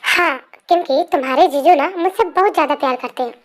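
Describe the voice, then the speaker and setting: A woman voicing a patient, gentle pregnant wife in a fan story narration, speaking soothingly. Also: high-pitched, fast talker, voice pushed down, close to an everyday voice. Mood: gently chiding. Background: faint music.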